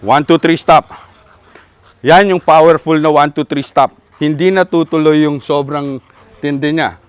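A man with a Filipino accent, a dog trainer coaching an owner outdoors with calm, repeated short commands. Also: fairly high pitch, a little slow, clear, resonant tone, no room sound.

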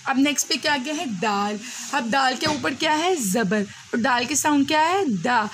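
A young woman teaching a beginner Quran reading lesson, slowly sounding out letters and asking simple questions as she goes. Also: high voice, animated, fairly bright tone, slight background noise. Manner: slow, patient, spells out letters and asks questions.

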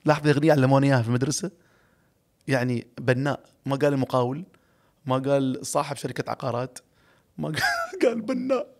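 A man in his forties with an Emirati Arabic accent, a podcast guest telling stories in an animated, reflective way, recorded close on a studio mic. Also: medium pitch, fast, pauses often. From Ras Al Khaimah, UAE. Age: 40s. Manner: animated, gestures a lot, laughs often, reflective. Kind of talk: casual storytelling interview. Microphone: studio boom mic close up.

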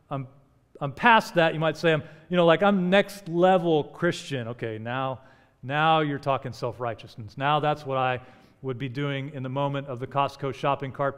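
Animated man preaching in a reverberant hall. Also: on the high side, clean tone. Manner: animated preaching, rising for emphasis and dropping soft and slow on key words. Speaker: pastor. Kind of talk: sermon. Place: large church stage at a pulpit.

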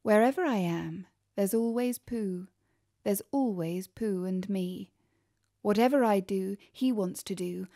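A woman with an English accent, reading children's poems aloud in a soft, cosy way, sometimes almost whispering. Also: medium pitch, a little slow, dry recording, studio quality. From England. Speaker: reader. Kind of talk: storybook poetry reading.

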